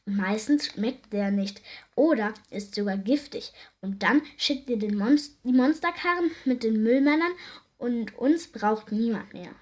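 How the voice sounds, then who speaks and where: A woman reading aloud, voicing a grumpy little furry female garbage fairy who talks bluntly, with a breathy voice. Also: fairly high pitch, a little slow. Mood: complaining. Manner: gruff, blunt, sad underneath. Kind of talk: storybook reading.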